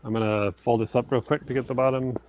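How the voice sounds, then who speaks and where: A man's voice: mid-range voice, steady tone, quick pace, darkish tone. A man chatting casually as the shop host of a live product showing. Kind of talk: casual live shopping chat.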